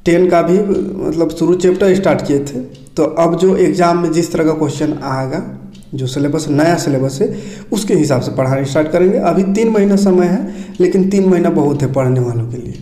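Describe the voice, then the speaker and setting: A man teaching a lesson, his voice set a little high but mellow and warm in tone. He takes each point in turn, stopping often to check that students are following. The recording has the noticeable echo of a bare room. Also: moderate pace. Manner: explains item by item, repeats checks and tags. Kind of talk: casual screen-share lesson walkthrough. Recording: echoey room.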